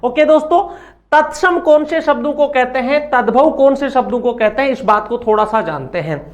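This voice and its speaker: High-voiced male teacher. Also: lively intonation, normal speed. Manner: asks questions and answers them himself; has students repeat words after him. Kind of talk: Hindi grammar lesson with slides.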